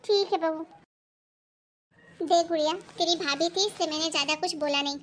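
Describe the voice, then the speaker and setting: A woman voicing a stern but caring middle-aged mother in an animated family story, who lectures and scolds. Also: very high-pitched, moderate pace, slight background noise. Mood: scolding. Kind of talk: animated cartoon voice acting.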